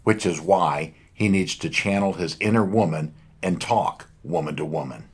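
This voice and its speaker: A man's voice: low-pitched, moderate pace, creaky, husky, heavily acted. A man voicing a sullen young male thug with an unpleasant, whiny voice. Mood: whiny sneering.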